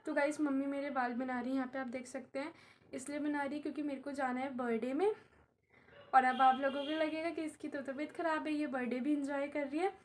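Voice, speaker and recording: Young female vlogger, high voice, chatty and repetitive, unwell and in pain, faint background hiss. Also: steady tone, fairly quick. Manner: chatty, repeats herself, addresses viewers as guys. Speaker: vlogger and tuition teacher. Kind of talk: casual vlog talk to camera. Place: at home while her mother does her hair.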